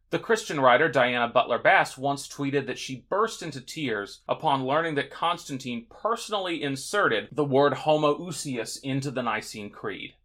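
A man's voice: mid-range voice, a bit bright. A man hosting a podcast, telling church history in a scripted, wry and sarcastic way. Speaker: podcast host.

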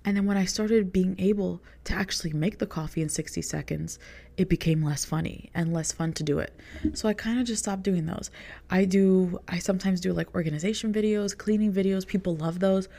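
This young content creator talks briskly in a lowish, dark voice with vocal fry, rambling through a casual podcast monologue and relying heavily on "like" as filler.

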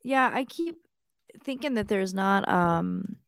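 A woman's voice: medium pitch, animated, takes it slowly, vocal fry. A woman co-hosting a casual true-crime livestream podcast, chatting and giving case updates. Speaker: podcast co-host.

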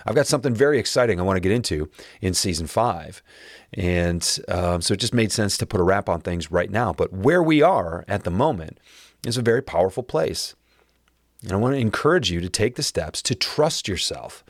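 A man hosting his podcast alone, speaking in an earnest, encouraging way with a raspy voice today. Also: low voice, lively intonation, normal speed, no echo, clean studio sound. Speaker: podcast host. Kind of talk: solo podcast monologue.

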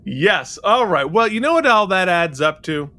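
A man's voice: high voice, moderate pace. A man co-hosting a casual podcast review, reading listener comments and joking around with frequent laughter. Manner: animated and jokey, laughing often. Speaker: podcast co-host. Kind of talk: casual chat.

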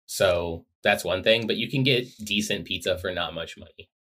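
Male podcast co-host, low voice, playful teasing banter. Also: normal speed, fairly bright tone. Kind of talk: casual chat.

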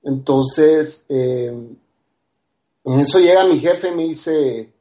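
A man's voice: on the high side, takes it slowly, warm tone. A man with a Guatemalan accent, a podcast guest telling a personal story casually. He acts out the dialogue and keeps tagging his lines with a questioning "ah". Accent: Guatemalan Spanish.

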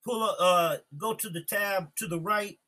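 A man's voice: sits high, moderate pace, pushed and bright. A man in a casual group talk, chiming in with offhand remarks.

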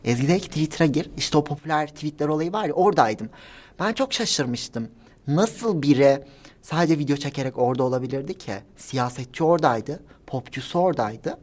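A nineteen-year-old man telling stories as a guest in a casual interview, animated and giggly, acting out the people he quotes. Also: a little high, fairly quick. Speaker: guest, social media personality.

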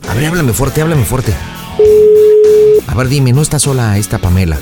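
A man with a Mexican accent hosting a prank call radio show, coaching his callers in an animated, playful way. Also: medium pitch, normal speed, over loud music. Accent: Mexican Spanish. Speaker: radio host.

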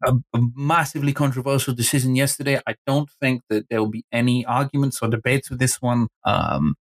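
A man's voice: mid-range voice, brisk. Chatty man hosting a football podcast. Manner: chatty, enthusiastic, many restarts. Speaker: podcast host. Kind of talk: casual football podcast talk.

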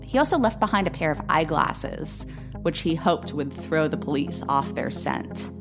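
A woman narrating a true-crime story in a measured, grave, scripted way. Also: deep voice, lively intonation, vocal fry, over music. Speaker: podcast narrator.

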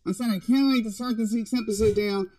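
A man's voice: high-pitched, steady tone, quick pace, darkish tone, dry recording. A man co-hosting a podcast, talking through a tin can telephone as a playful joke bit. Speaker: podcast co-host. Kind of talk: casual chat. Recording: distant muffled tin can sound.

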